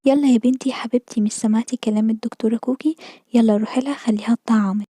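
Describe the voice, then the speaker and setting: A woman's voice: on the high side, fairly even intonation, very fast, dark tone, no room sound, studio quality, lightly acted. A woman voicing a polite Egyptian mother giraffe. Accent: Egyptian Arabic. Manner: polite, thankful.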